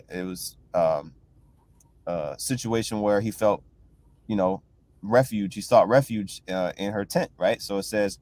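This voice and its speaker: A man's voice: lowish voice, a little mellow. A man leading a casual bible class, reading verses aloud and retelling them loosely, with constant "you know" and "right?" check-ins. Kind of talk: casual scripture teaching.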